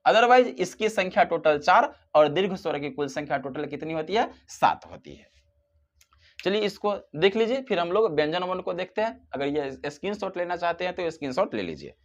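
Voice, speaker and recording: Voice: medium pitch, expressive, brisk, highs cut off. A teacher giving a grammar lesson, posing questions and answering them, drawing out example sounds to show their length. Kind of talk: classroom-style grammar lesson.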